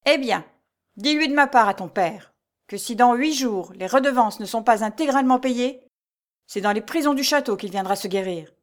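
A woman voicing a short, harsh male steward in a storybook reading, barking loud orders. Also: fairly high pitch, normal speed, voice pushed up, close to an everyday voice. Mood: furious.

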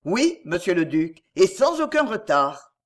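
A woman's voice: fairly low pitch, sing-song, measured pace. A woman doing a grave, troubled doctor. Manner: solemn, restrained and sorrowful.

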